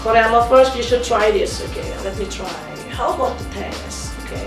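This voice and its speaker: Slightly high and unhurried, a young podcast host chats her way through a casual interview, sprinkling in English phrases. The room echoes, the mic sits at a distance, and music runs in the background.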